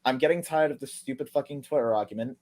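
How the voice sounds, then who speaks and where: A man talking through an online argument in casual commentary, sarcastic and easily heated, cursing freely. His voice sits at an ordinary middle pitch. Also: quick pace, a little mellow. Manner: sarcastic, heated, swears a lot. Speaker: commentary video host. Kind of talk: casual commentary reading tweets.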